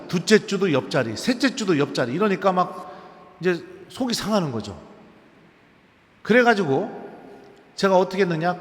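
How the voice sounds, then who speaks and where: Man, priest, humorous storytelling lecture, slightly high voice, long cathedral reverb. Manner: lively humorous storytelling with quiz questions to the audience. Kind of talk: lecture to a live audience. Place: large cathedral.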